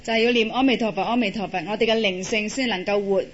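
An interpreter at a dharma talk, briskly relaying each phrase in a plain, steady way. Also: mid-range voice. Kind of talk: live consecutive interpretation of a talk. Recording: dull lo-fi recording with faint noise.

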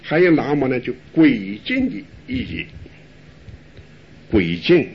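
An older male monk gives a teaching in a lively, swooping voice that rises and falls a lot. He chuckles and poses rhetorical questions in a homely way. The recording is dull and lo-fi. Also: fairly high pitch, slow, gravelly. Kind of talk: dharma talk answering questions.

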